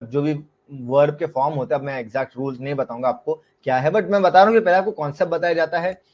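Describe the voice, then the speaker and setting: A man's voice: on the high side, darkish tone, lo-fi sound. Indian man teaching a live online class. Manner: explains in Hindi mixed with English terms, questions students often. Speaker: shorthand teacher.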